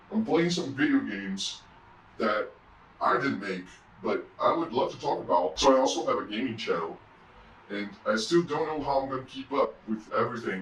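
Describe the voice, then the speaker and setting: Man with a deep pitch-shifted voice changer. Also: fairly bright tone. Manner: hesitant, rambling, many "you know"s. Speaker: indie game developer and vlogger. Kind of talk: casual confessional vlog. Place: his own room. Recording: roomy and distant, faint hum.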